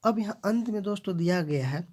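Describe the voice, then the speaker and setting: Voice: medium pitch, animated, a little fast, darkish tone. A language teacher in a video lesson who reads each example sentence aloud, then translates and explains it, often addressing viewers as friends.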